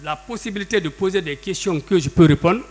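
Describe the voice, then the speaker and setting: A trade union leader testifying in a courtroom, insistent and combative, slightly out of breath. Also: male voice, high-pitched, brisk, a little mellow. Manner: insistent, combative, talks over questions.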